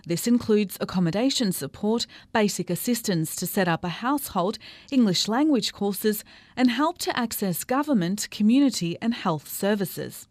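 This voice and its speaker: A woman reporter reading a scripted news report in a measured, even way. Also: medium pitch, no room sound.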